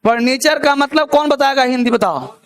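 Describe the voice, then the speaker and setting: High-voiced man quizzing a class. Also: expressive, normal speed, smooth. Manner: keeps quizzing students with rhetorical questions. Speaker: English grammar teacher. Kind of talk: live classroom lecture. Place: classroom with students.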